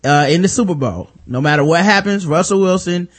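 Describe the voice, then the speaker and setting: Man, american, podcast host, laid-back, slightly high voice. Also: brisk. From United States. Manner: laid-back, lots of ums and uhs. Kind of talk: casual chat.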